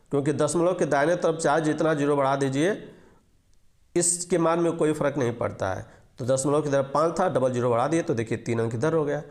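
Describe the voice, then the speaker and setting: A man's voice: fairly high pitch, darkish tone. A man teaching basic arithmetic step by step, patiently repeating each rule and quizzing before answering. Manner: patient, repetitive, walks through each digit and asks questions before answering. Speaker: math teacher. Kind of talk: explaining an arithmetic lesson step by step.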